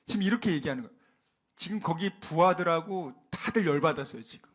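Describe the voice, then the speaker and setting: A male pastor delivering an animated sermon in a church. His voice sits high and leaps wildly in pitch as he dramatizes the speakers he describes. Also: quick pace. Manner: animated preaching, acting out biblical dialogue. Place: church sanctuary.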